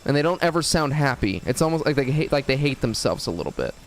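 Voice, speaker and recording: A man's voice: medium pitch, sing-song, fast, a little hiss or hum. A man streaming a game, chatting casually in a rambling, hesitant way with many fillers and swearing at the game. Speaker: gaming streamer. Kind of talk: casual live-stream chat while gaming.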